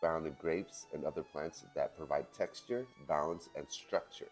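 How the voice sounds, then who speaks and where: A young man co-hosting a casual podcast, relaxed and teasing, laughing easily. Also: rumbling low, normal speed, soft background music. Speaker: podcast co-host. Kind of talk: casual chat.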